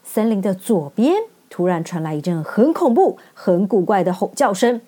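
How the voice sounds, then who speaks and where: A woman storyteller narrating a children's story in a gentle, expressive read-aloud style. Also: medium pitch, normal speed.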